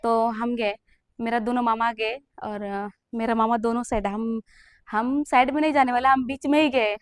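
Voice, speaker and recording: Young woman, fairly high voice, emotional testimony teller, dry sound. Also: steady tone, normal speed, clean tone, no echo. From Jharkhand, India. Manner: earnest and emotional, acting out the people she quotes. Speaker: testimony giver.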